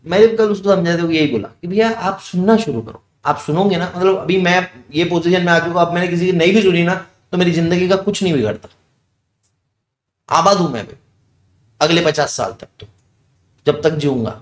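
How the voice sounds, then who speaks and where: Young man, teacher, high voice, chatty classroom aside, asks his own questions, echoey room. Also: a little fast. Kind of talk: casual classroom digression.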